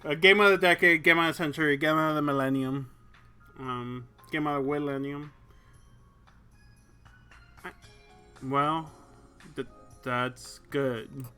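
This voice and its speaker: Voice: mid-range voice, steady tone, slow, pauses often, bright, forceful tone, soft background music. A Twitch streamer casually reading a visual novel aloud, swearing and laughing between lines. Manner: crude and swearing, laughs often; reads narration aloud, breaks off to joke.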